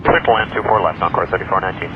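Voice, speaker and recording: A man's voice: low voice, fairly even intonation. Clipped pilot man over cockpit headset radio. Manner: brisk, clipped radio phraseology. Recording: muffled radio transmission with static noise.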